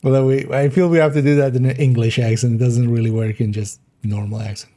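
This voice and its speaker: A man's voice: medium pitch, steady tone, fast, mellow. A man streaming a video game, chatting casually as he plays, rambling and giggling, often restarting his sentences. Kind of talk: casual gameplay commentary.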